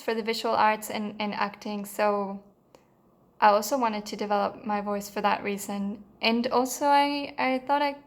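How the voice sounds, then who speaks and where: A Mexican woman gives an unscripted spoken testimonial as a course participant, her voice flat and even with a fairly high pitch. She comes across as earnest but hesitant, with many fillers and restarts.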